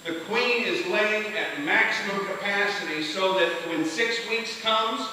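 Bright, echoey man lecturing from far off. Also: sits high, measured pace. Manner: energetic, asks the audience questions. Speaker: beekeeping instructor. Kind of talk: classroom lecture. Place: meeting room with an audience. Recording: echoey hall from far off, hiss.

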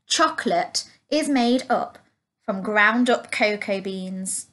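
A woman reading a children's picture book aloud, slowly, clearly and carefully. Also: medium pitch, fairly bright tone. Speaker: storyteller.

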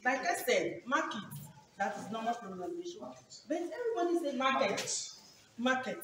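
A woman's voice: a little high, big pitch swings, a little fast. A woman with a Nigerian accent asking an enthusiastic, repetitive question at a university workshop. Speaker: workshop participant. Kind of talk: audience question. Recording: echoey hall, distant mic, noise.

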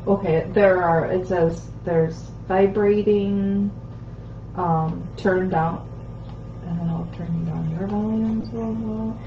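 Slow, hesitant woman, echoey room. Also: medium pitch, steady tone, dull audio, crowd noise. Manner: hesitant, laughs often. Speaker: stream co-host reading viewer comments.

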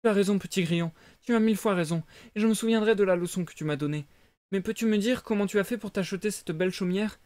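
A man voicing a naive young wooden puppet boy in a high, pleading voice. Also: fast, darkish tone, dry recording, lightly acted. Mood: aigu, ému. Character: jeune pantin de bois, garçon naïf et ému.

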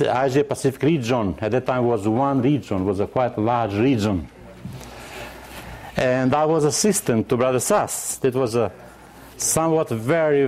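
An older man from Yugoslavia preaching a sermon, earnest, pausing to search for words and lifting his voice for scripture. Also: mid-range voice, a little mellow.

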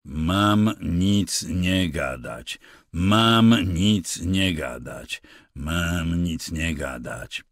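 A man voicing a slow, childlike giant of a man who talks in a simple, halting, eager way. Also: on the low side, very animated, no echo, studio quality, pitched above the performer's own voice, full character voice. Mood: muttering.

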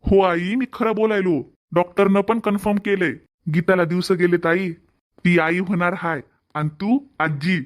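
A woman's voice: fairly low pitch, steady tone, measured pace, close to an everyday voice. Woman doing a mild, reassuring young husband. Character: placating young husband and son.

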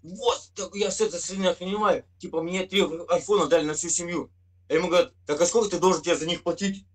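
Fast, crude-talking man on webcam. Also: sits high, steady tone. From Russia, born in Kyiv. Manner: crude, swearing, quick retorts. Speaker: truck driver caller. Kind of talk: heated video chat argument. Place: indoor room. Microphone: webcam video call.

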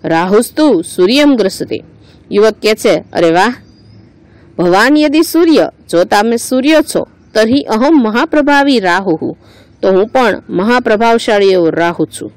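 A woman's voice: mid-range voice, lively intonation, moderate pace, a little mellow, no room sound, rough recording. A woman teacher with a Gujarati accent teaching a lesson. She reads each line aloud, then explains it word by word. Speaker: school teacher.

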